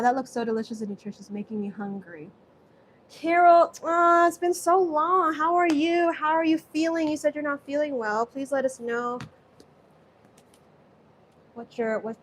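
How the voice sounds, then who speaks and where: The recording is low quality with slight background noise: a woman from Southeast Asia, her voice on the high side, runs a live-stream cooking show at home. She chats casually as she cooks, reads comments from viewers aloud, and rambles, restarting often.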